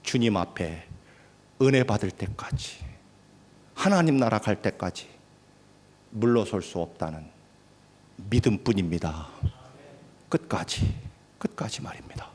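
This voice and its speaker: A male pastor preaching a sermon, swinging between loud exhortation and hushed, quiet passages. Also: fairly low pitch, animated, a little slow, long pauses. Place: church sanctuary. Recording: long hall reverb.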